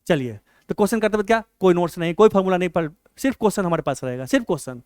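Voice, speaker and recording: A man's voice: sits high, expressive, very fast, darkish tone, smooth, no room sound, clean studio sound. A male teacher, giving casual study advice and often checking in with his listeners as he talks. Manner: chatty, repeats "है ना" often.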